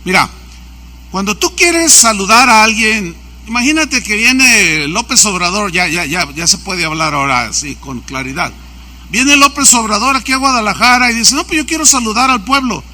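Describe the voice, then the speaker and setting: Bright, high-voiced preacher. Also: male voice, animated, normal speed. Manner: preaching with acted-out anecdotes and questions to the congregation. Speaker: pastor. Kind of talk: sermon. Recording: church service recording.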